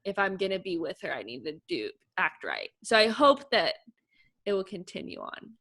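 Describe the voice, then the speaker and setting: A woman's voice: lowish voice, sing-song, normal speed, bright, forceful tone. Gossipy young woman recapping TV. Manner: gossipy storyteller, recounts scenes with "she's like". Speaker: podcast co-host. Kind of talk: casual chat about reality TV.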